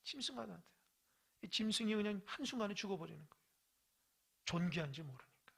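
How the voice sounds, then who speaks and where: Husky, forceful male preacher. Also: high-pitched, expressive, fairly quick. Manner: swings between quiet asides and shouted exhortation, asks the congregation questions. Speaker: pastor. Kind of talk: sermon.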